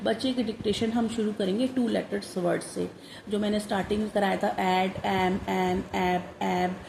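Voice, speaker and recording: A woman teacher, slowly giving a phonics dictation lesson for parents and repeating each sound. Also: mid-range voice, gravelly, roomy sound, background noise.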